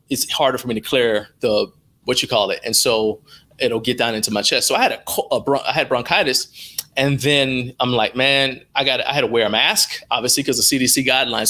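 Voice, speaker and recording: On a video call headset in a room at home, a middle-aged American man tells stories in a relaxed, colloquial way as an interview guest; he's a live stream producer. His voice is medium-pitched with a sharp tone.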